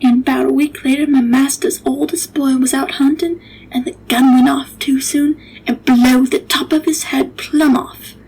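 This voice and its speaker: A gentle old nursemaid telling a hushed ghost tale at bedtime, as a woman plays her. The voice is high and soft, and it keeps dropping into a breathy whisper. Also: fairly even intonation, normal speed, low-quality recording. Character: older woman servant, gentle storyteller nurse.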